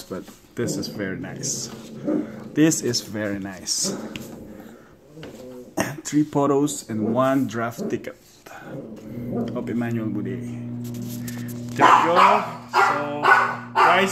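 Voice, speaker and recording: A man in an excited, chatty unboxing vlog at home, laughing often as he talks to the camera. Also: medium pitch, very noisy. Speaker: vlogger. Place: home, at a table.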